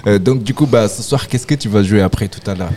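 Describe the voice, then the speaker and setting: A man hosting a radio interview, chatty and relaxed, with short agreeing replies. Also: lowish voice, a little fast, slight background noise. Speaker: radio host.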